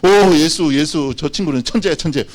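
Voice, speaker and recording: A man voicing an amazed old rabbi who gushes with excited, repeated exclamations. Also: on the high side, normal speed, natural voice.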